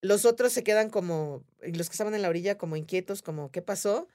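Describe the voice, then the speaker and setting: A woman with a Mexican accent tells a story in relaxed conversation. Her voice sits a little low for a woman. She jumps into the voices of the people in the story as she goes. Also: fast talker. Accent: Mexican Spanish. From Mérida, Mexico. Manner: animated, acts out voices of others in her story. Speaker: podcast guest. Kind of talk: casual storytelling.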